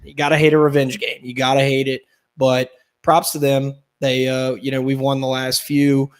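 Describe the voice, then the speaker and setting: A man hosting a casual sports podcast, upbeat and talking in quick bursts. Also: medium pitch, little pitch movement, clean tone. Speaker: podcast host.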